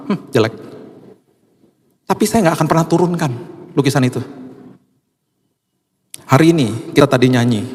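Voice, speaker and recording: Middle-aged guy w/ preaching, tells stories and does the voices, echoey church hall. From Indonesia. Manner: animated, acts out dialogue with raised pitch. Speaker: pastor. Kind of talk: sermon with storytelling. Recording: live church hall with long reverb.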